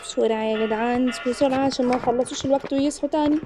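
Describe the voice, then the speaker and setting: A young woman with an Egyptian accent giving lively horror game commentary, talking to the game and her viewers. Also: high-pitched, very fast, a little hiss or hum, poor audio. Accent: Egyptian Arabic. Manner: excitable, talks to the game and to viewers. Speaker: gaming YouTuber. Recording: music playing behind the voice.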